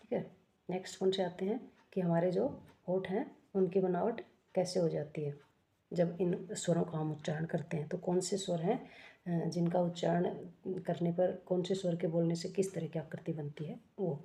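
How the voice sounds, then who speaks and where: A woman's voice: lowish voice, steady tone, normal speed, gravelly, dark tone. A woman teaching an exam-prep grammar lesson, explaining step by step, asking questions and answering them herself, and correcting herself often.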